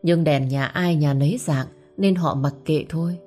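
A woman narrating a dramatic audiobook story in a measured, expressive way. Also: deep voice. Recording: faint music bed.

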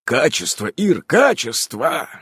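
A man reading an audiobook, voicing a wry, fastidious father who speaks in a dry, grudging way. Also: mid-range voice, wildly swooping pitch, breathy edge, dry recording, pitched above the performer's own voice, exaggerated voice. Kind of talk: audiobook character voice.

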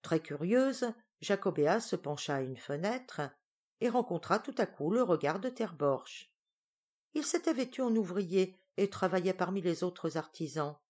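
Expressive woman reading a storybook. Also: fairly low pitch, measured pace. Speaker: audiobook reader. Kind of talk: scripted audiobook narration.

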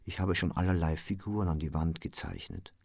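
A man voicing a tormented young male poet in a radio reading, his speech broken and halting, often sinking to a hush. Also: sits low, steady tone, no echo, studio quality. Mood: weary.

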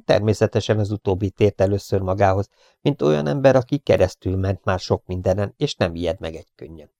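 A man's voice: fairly low pitch, vocal fry, warm tone, dry recording, studio quality. A man narrating an audiobook in a wry storytelling manner. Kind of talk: scripted narration.

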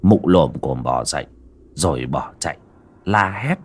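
A man narrates a horror audiobook in a dramatic storytelling manner. His voice is low and husky. His pitch rises and falls in lively sweeps. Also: unhurried.

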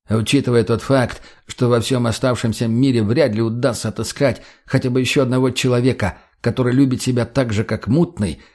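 A man narrating an audiobook in a steady, plain storytelling manner. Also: medium pitch.

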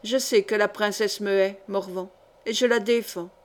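A woman's voice: mid-range voice, fairly even intonation, normal speed, lightly acted. A woman reading the part of a proud noble countess in an audiobook, cool, dignified and reproachful.

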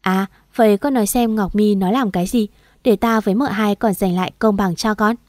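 A motherly older matron who scolds gently and comforts, as a woman puts her on. The voice is warm and mellow, and the sound is dry and close. She is part of a storybook reading. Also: medium pitch, fairly even intonation, a little fast, dry recording, natural voice. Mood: reproachful. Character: kind-hearted older third wife of the house.

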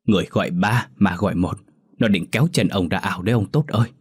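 A man's voice: deep voice, fast talker, slightly rough. A man voicing an older village scholar in a ghost story, speaking solemnly and giving urgent warnings. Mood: grave. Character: grave older male village scholar, cautious.

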